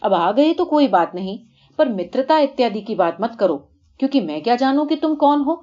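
A woman's voice: on the high side, big pitch swings, warm tone. A woman voicing a worried male king who pleads and then offers a bribe, in an evasive, wheedling tone, on a dull, lo-fi recording. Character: anxious ruler Krishna, male, pleading then bargaining.

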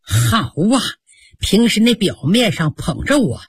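A woman's voice: medium pitch, big pitch swings, unhurried, husky, no echo, studio quality, full character voice. A woman voicing a fierce, hot-tempered mistress of the house who scolds and commands sharply. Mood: furious scolding.

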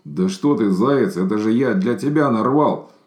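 A man voicing a gentle, earnest bear cub in a storybook, in an echoey room. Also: fairly low pitch, moderate pace, voice pushed up, close to an everyday voice.

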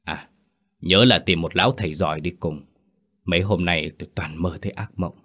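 A deep-voiced man plays a haunted old master, gruff and hoarse, snapping out his orders. It is the plain low voice of the storyteller, barely changed. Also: moderate pace. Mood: curt.

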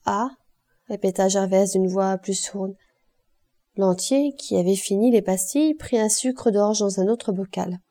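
A woman reading a classic novel aloud as an audiobook, in a measured, expressive way. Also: mid-range voice. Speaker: audiobook reader. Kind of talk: scripted narration.

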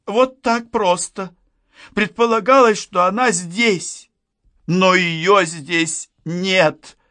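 A man reading an audiobook, voicing a guilt-ridden young woman who sobs and apologizes in a halting way. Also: mid-range voice, lively intonation, fairly bright tone, dry recording, clean studio sound, pitched above the performer's own voice. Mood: tearful pleading.

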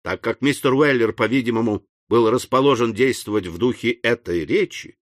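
A man narrating an audiobook in an expressive, dramatic style. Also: mid-range voice, moderate pace, no room sound, clean studio sound. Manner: lively, dramatic reading.

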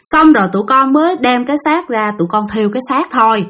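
A woman's voice: sits high, fast talker, a bit bright. A woman voicing a young man who earnestly reassures his aunt, with a Southern Vietnamese accent. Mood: reassuring.

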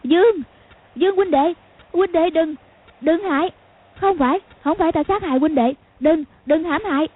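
A woman voicing a terrified, simple-minded young woman in an audiobook, shrill and stammering. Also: moderate pace. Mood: panicked shrieking. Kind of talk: audiobook character voice. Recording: tinny phone-like sound.

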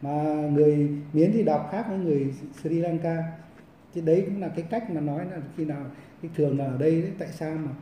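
A Buddhist monk teaches monastic discipline, stumbling through repeated fillers as he goes. His man's voice sits a bit high yet sounds very mellow and dark. The room is echoey and the mic is set some distance away. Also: a little hiss or hum. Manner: halting, with many repeated fillers and restarts. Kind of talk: Dharma lecture. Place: monastery hall. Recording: roomy echo, mic at a distance.

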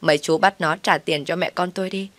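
A woman voicing a desperate older mother-in-law who pleads loudly. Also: lowish voice, steady tone, a little fast, no room sound, lightly acted. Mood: begging. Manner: loud and pleading.

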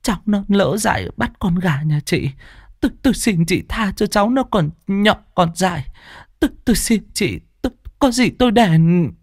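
A man voicing a kind, soft-hearted old village aunt in a spoken ghost story, talking in a tender, fussing way. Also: sits high, animated, moderate pace, no echo, clean studio sound, pitched above the performer's own voice. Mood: pleading.

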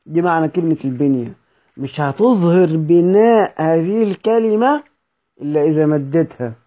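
A man's voice: a little high, lively intonation, moderate pace, highs cut off. A man with an Egyptian Arabic accent teaching a recorded study session, explaining points, repeating them and quizzing his students. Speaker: Quran recitation teacher.

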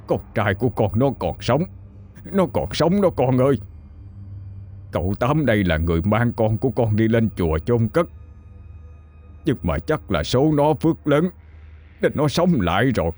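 A man's voice: medium pitch, lively intonation, normal speed, pauses often, darkish tone, faint music behind, pitched above the performer's own voice, natural voice. A man playing a heartbroken older father who pleads in a tearful, trembling voice.

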